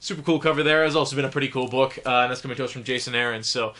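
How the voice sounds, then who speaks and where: A man's voice: medium pitch, rapid-fire, bright, forceful tone. A young man hosting a comic book review show, talking casually and enthusiastically while getting over the flu, with lots of fillers. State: sick with a cold or flu. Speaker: comic book podcast host.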